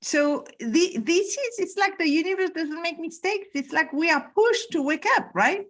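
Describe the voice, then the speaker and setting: A woman's voice: extremely high pitch, expressive, normal speed, fairly bright tone. A woman spiritual teacher talking earnestly on a video call, stressing points by repeating words. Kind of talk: conversational interview on a call.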